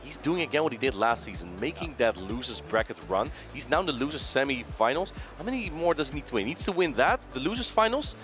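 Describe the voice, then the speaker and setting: A man doing live tournament commentary, talking quickly and excitably and repeating himself as he thinks. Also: medium pitch, soft background music. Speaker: esports commentator.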